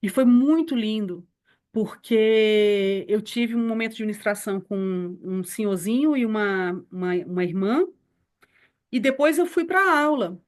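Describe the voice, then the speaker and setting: A woman's voice: mid-range voice, measured pace. A woman in her forties, a missionary teacher sharing a personal testimony in an earnest storytelling manner. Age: 40s. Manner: earnest, storytelling, addresses listeners as beloved. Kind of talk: personal testimony in a church lesson.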